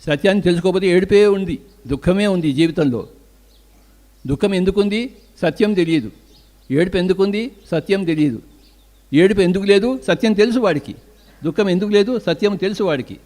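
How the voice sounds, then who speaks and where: An older man with a Telugu accent gives an emphatic spiritual discourse as a meditation teacher, posing questions and then answering them himself. His voice is high-pitched with a darkish tone, and he speaks fairly quickly.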